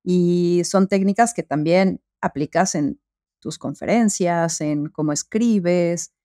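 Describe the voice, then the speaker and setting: Low-voiced woman podcast host. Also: takes it slowly, dark tone, no echo, clean studio sound. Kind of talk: interview questions.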